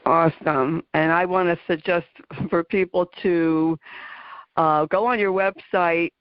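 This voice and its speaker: A New Jersey woman with a fairly low voice and a New Jersey accent hosts a radio talk show, effusive and chatty, using lots of fillers in casual interview chat. The radio audio is muffled and dry, with no room sound.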